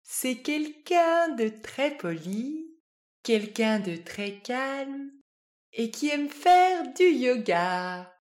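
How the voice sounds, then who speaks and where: Bright, eager little storybook boy, high and lively, as a woman puts him on. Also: extremely slow, full character voice. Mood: playful. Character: cheerful, gentle little boy. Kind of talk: storybook reading for children.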